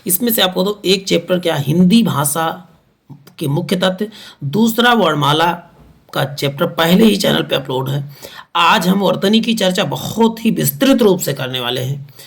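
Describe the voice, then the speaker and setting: A man teaching an online exam-prep lesson with an energetic, emphatic delivery, often repeating words for emphasis. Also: high voice, normal speed, gravelly. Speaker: Hindi grammar teacher.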